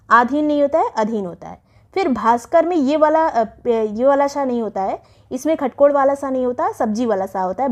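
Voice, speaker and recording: A woman teaching an exam-prep Hindi spelling lesson. She explains each word slowly and repeats the right and wrong forms. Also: high voice.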